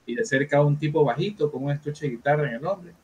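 A man, a guest guitarist telling lively anecdotes in a casual interview, with many fillers and restarts. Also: on the high side, fast, dull audio, a little hiss or hum.

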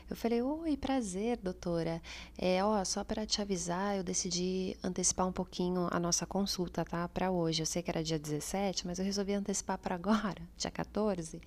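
A woman tells a personal story on her podcast, frank and unfiltered, swearing freely. Her voice sits low and has a gravelly fry. She acts out her past self's panic with vivid expression. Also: a little mellow. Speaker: podcast host.

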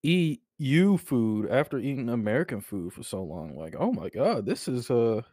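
A man's voice: mid-range voice, sing-song, normal speed, dark tone, dry recording, clean studio sound. A man co-hosting a casual comedy chat, laid-back and full of slang. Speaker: co-host.

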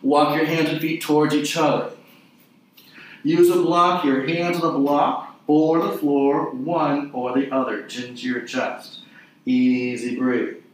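A man leading an exercise class, giving short, clipped cues and counting repetitions in a measured rhythm. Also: a little high, steady tone. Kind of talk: guided mat exercise instruction with counted repetitions. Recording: very echoey room, distant mic.

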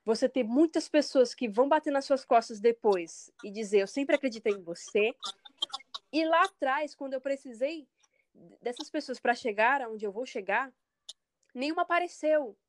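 A woman's voice: high-pitched, expressive, moderate pace, no room sound. A woman from Brazil, a singer, speaking candidly and emphatically in a casual interview, acting out the comments of others.

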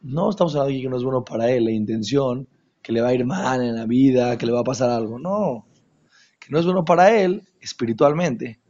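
A husky-voiced man delivers a religious lesson to listeners. He drives points home by repeating phrases, then slips into quiet asides. The recording sounds dull and lo-fi. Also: mid-range voice, a little fast. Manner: emphatic, repeats key phrases, drops into hushed asides. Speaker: Torah teacher. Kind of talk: religious talk to an audience.

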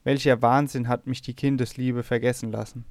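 Despairing abducted princess, read by a man, raised lament, narrow pitch, dry. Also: level tone, brisk, no room sound, close to an everyday voice. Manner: lamenting, pleading, a little louder than the narration. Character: despairing young princess abducted to a strange shore.

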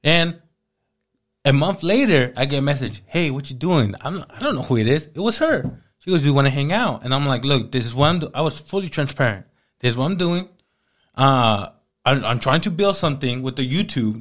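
A man in his thirties telling his life story as an interview guest, casually and with lots of acted-out dialogue. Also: mid-range voice. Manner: animated, acts out quoted dialogue.

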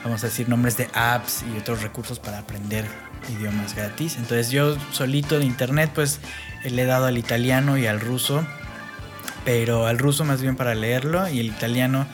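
A man's voice: medium pitch, steady tone, moderate pace, music in the background. A bilingual man with a Mexican accent, native in English and Spanish, co-hosting a casual podcast. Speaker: podcast co-host.

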